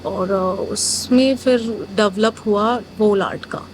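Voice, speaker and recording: A woman's voice: mid-range voice, takes it slowly, noisy background. A young woman from northern India, a muralist, telling her story frankly in a casual interview, mixing Hindi with English. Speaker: muralist guest.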